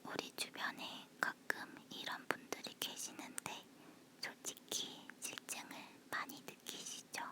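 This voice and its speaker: Leaning in close, a woman whispers softly in a breathy, unvoiced way, chatting casually and unhurriedly in ASMR style. It was recorded close up on a phone.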